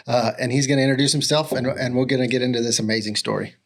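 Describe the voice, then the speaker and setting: A man's voice: medium pitch, steady tone, fast talker, gravelly. A man hosting a podcast, introducing his guest in an upbeat, enthusiastic way with a few fillers. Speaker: podcast host.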